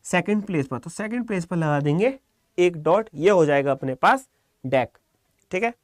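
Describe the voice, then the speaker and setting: A man teaching a live online shorthand class, calm and encouraging, quizzing students by name. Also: fairly high pitch, moderate pace, no echo, studio quality.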